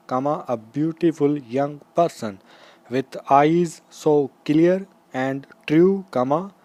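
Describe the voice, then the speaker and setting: A man reads out a school dictation very slowly and deliberately. He breaks the text into short, measured chunks with pauses between them, at a middling pitch. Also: warm tone. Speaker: dictation reader. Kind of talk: slow school dictation, read aloud with punctuation marks spoken.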